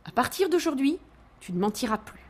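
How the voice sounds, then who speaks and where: A woman voicing a solemn, kindly woman doctor who speaks slowly and deliberately in a storybook reading. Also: high-pitched, big pitch swings, husky, full character voice.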